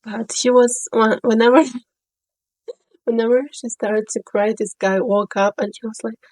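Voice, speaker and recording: A woman telling a personal story in a storytime vlog, in a chatty, unhurried way full of "you know" and "like". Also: on the high side, fairly even intonation, a little mellow, no room sound, low-quality recording.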